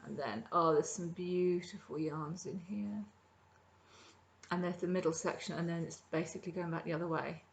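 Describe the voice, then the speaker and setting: In a creaky, lowish voice with a steady tone, a middle-aged woman chats about her crafts at normal speed on her podcast. She's indoors in her home kitchen, rambling through a casual show-and-tell with many ums, and a little hiss or hum sits under the recording.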